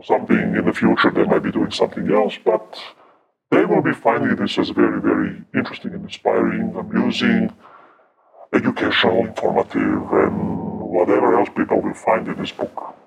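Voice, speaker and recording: A man from Eastern Europe, a cinematographer guest in an interview, his voice electronically altered into a deep disguise to hide who he is, talking in an earnest, wordy, reflective way. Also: big pitch swings, normal speed, creaky, dull audio, background noise. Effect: voice electronically altered into a deep disguise to hide identity. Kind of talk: interview conversation.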